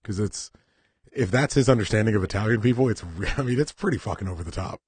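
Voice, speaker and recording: A man's voice: lowish voice, lively intonation, fast, darkish tone, breathy edge, dry recording. A man from Southern California, a podcast co-host in casual chat, talking bluntly with swearing and mock-patriotic rants.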